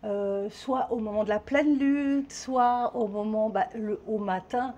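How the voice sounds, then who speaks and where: A woman's voice: a little high, slow, warm tone, muffled recording. A woman with a French accent chatting casually to camera as a vlogger, rambling and swearing lightly, a little out of breath.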